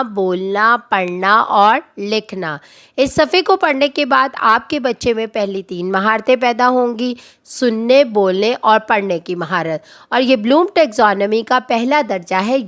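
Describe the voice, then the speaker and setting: A woman teaching a children's reading lesson, asking questions, answering them herself and drawing words out slowly. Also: a little high, a bit bright. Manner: slow, drawn-out call-and-response prompting.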